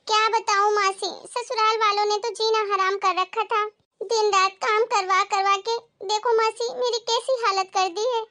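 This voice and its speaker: Brief: woman playing spoiled young daughter, shrill and demanding, very high, bright voice, moral-story drama. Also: fairly even intonation, a little fast. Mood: whiny.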